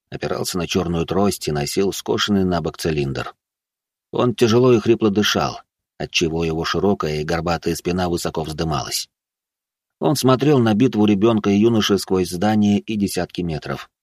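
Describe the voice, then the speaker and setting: A man's voice: low-pitched, husky, no room sound. A man narrating an audiobook in the first person with dry, sardonic storytelling.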